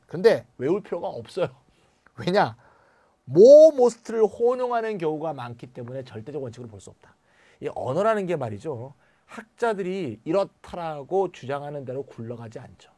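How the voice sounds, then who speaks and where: A male lecturer explains grammar with a voice that swings up and down a great deal, sitting a little above the usual pitch for a man. He talks in a chatty, blunt way, full of asides and the odd bit of mild swearing. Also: warm tone.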